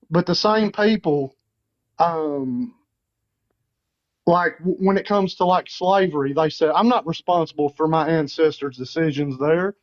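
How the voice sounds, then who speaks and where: A man's voice: on the high side, dull audio. A man with a Southern US accent calling into a talk show, earnest and a little hesitant as he makes his argument. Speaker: caller. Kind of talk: casual call-in chat.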